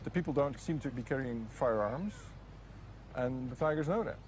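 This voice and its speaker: A man's voice: medium pitch, normal speed, darkish tone. A man speaking as an expert in an unscripted documentary interview, hesitant and often repeating words. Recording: clear background ambient noise.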